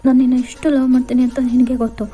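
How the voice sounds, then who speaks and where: A frantic young man in a Kannada fan-fiction voiceover, voiced by a woman. The tone is mellow and fairly high, full of pleading, disbelieving outbursts. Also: level tone, fast, soft background music, close to an everyday voice. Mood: panicked.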